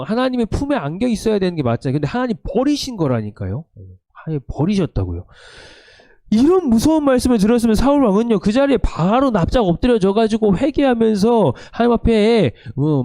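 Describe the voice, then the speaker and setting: A man giving a sermon to a youth group, telling a story in an animated way and acting out the quoted lines. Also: sits high, dry recording, studio quality. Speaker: youth pastor. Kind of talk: sermon to teenagers. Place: church, online service.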